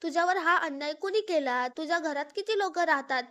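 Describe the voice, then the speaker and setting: A young husband in a storybook who questions his wife coldly and accusingly, as a woman narrator puts him on. The voice stays high. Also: fairly quick, fairly bright tone. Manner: cold, accusing.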